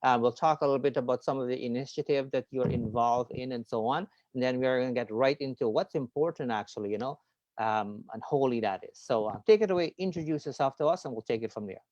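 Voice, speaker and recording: A man's voice: mid-range voice, fast talker, a little mellow, no room sound, highs cut off. A man hosting an online talk show, chatting in a friendly, rambling way with plenty of fillers. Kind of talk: casual interview chat.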